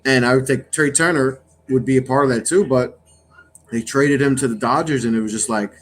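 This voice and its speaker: A man's voice: mid-range voice, a little fast. A man who runs a podcast network, chatting casually in a rambling way with many restarts. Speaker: network founder and guest.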